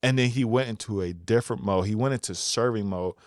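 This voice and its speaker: A man telling a motivational story in a casual, energetic way, acting out the other people's lines with sudden jumps in pitch. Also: fairly quick, dry recording, studio quality. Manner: energetic, acts out dialogue with shifting pitch. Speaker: podcast speaker.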